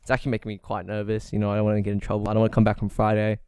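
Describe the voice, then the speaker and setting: A man's voice: on the low side, completely flat delivery, rapid-fire, warm tone, clear, resonant tone. A teenage man co-hosting a podcast, telling a story in a loose, rambling way with restarts. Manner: rambling, self-correcting storytelling with laughs. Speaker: podcast co-host. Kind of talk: casual storytelling.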